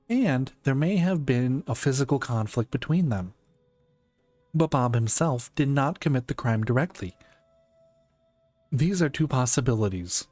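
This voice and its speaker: A serious, conscientious police detective from a game , read aloud by a man. The voice is mid-pitched, measured and deliberate, recorded dry with faint music underneath. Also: darkish tone, dry recording. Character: calm, conscientious male police detective pondering a case. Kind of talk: reading game dialogue aloud.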